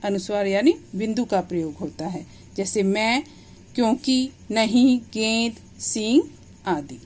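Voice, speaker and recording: A woman's voice: mid-range voice, measured pace, darkish tone, slight background noise. A woman teacher giving a grammar lesson, explaining step by step and checking understanding with questions.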